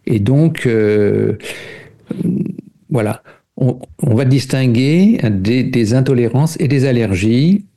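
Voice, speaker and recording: A man with a mellow, medium-pitched voice and lively intonation speaks slowly as a radio guest. He explains nutrition and food intolerances at length, hesitating often, using many fillers and citing studies as he goes.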